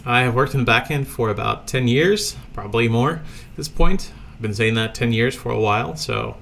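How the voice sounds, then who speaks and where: A man's voice: medium pitch, normal speed, vocal fry, fairly bright tone, slight background noise. A man from Latvia presenting a recorded conference talk from a home office, speaking casually with many fillers.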